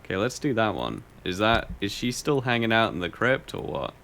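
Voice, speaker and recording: A man's voice: fairly low pitch, big pitch swings, brisk, fairly bright tone, slight background noise. A young man casually commenting while he plays a game on stream, wry and rambling, often muttering to himself. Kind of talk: casual let's-play commentary.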